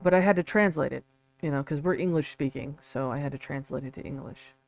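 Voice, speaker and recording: A man with vocal fry giving a casual, halting livestream explanation, often checking in with a quick "right?" or "okay". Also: a little high. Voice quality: vocal fry from an old vocal cord injury. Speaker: livestream host and researcher. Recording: dull lo-fi mic with faint hum.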